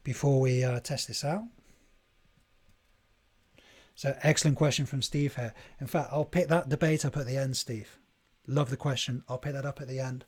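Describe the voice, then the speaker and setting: A man hosting a live coding tutorial stream, thinking aloud in a deliberate way and chatting to viewers as he works. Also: mid-range voice, fairly even intonation, a little mellow, breathy edge. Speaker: livestream coding host.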